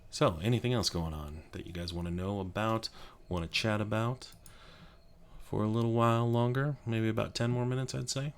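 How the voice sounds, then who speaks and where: A very low-pitched man in his thirties, from Colorado, chats softly for an ASMR video. He rambles and trips over restarts, keeping his voice down in his home office so as not to wake his kid. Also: fairly even intonation. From Colorado, USA. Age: 30s. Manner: rambling, halting, many restarts and fillers; speaking quietly so as not to wake a child. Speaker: YouTube creator. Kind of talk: soft-spoken ASMR chat.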